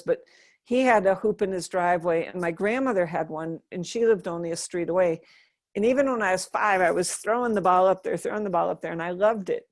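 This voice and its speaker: A woman's voice: lowish voice, a little mellow, no echo, studio quality. A middle-aged woman from Western Massachusetts, chatting and laughing as she tells stories in an interview. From Western Massachusetts, USA. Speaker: interview guest. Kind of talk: casual storytelling.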